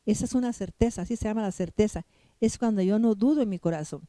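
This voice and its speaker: A woman's voice: medium pitch, quick pace, mellow, dry recording. A woman pastor preaching a sermon, emphatic and repetitive, often putting questions straight to the congregation. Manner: emphatic, repeats phrases, questions the congregation directly.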